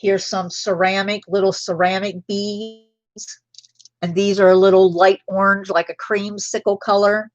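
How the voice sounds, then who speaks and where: Slow, chatty woman hosting a live sale. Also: mid-range voice, flat delivery, dry recording, dull audio. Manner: chatty, drifts into personal stories between items. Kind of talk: casual live-stream selling chat.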